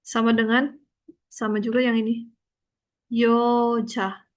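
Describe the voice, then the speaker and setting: A woman teaching a language lesson, explaining slowly and patiently and checking often that her student understands. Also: on the high side, steady tone. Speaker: Korean teacher.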